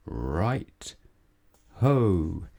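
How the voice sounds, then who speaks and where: Storybook slowcoach, played by a male reader: placid, polite, plodding word by word, mellow tone. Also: deep voice, very animated, gravelly, exaggerated voice. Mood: placid, agreeable. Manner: drawn-out, one word at a time.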